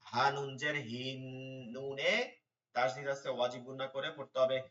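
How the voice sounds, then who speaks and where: A man teaching an online Quran lesson, spelling out letters and vowel marks, then reciting verses in a slow chant. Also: medium pitch, level tone, a bit bright, distant mic, lo-fi sound.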